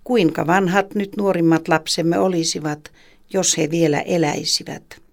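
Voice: medium pitch, fairly even intonation, creaky, close to an everyday voice. A reader voicing a devout mother in a folk tale, consoling and hopeful.

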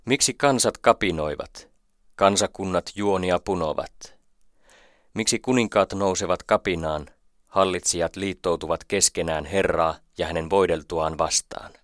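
A man giving a slow, measured, solemn reading of psalms as a scripted Bible reading. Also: low voice, fairly bright tone, dry recording, clean studio sound. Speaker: scripture reader.

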